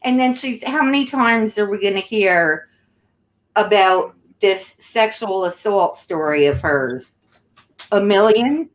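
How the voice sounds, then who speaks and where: A woman's voice: medium pitch, expressive, takes it slowly. A woman hosting a casual commentary chat, blunt and scornful about the person discussed. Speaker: channel host.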